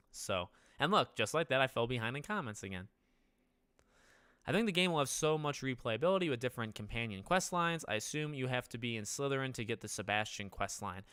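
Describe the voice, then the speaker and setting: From his living room, a couch at his back, a young gaming YouTuber with a nasal voice streams live, chatting casually, restarting as he rambles and putting questions to his chat. The voice is mid-range, sharp, clear and resonant, captured as clean studio sound with no echo.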